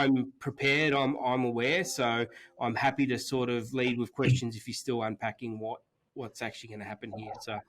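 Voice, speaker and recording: Aussie host bloke, mid pitch, friendly, keeps saying mate. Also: male voice. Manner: friendly, encouraging, says mate a lot. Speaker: podcast host. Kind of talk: casual chat.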